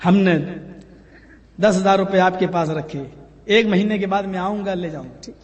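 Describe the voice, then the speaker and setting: Brief: high-voiced male preacher, storytelling sermon, long hall echo. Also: fairly even intonation, dull audio. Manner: storytelling, addresses listeners as brothers.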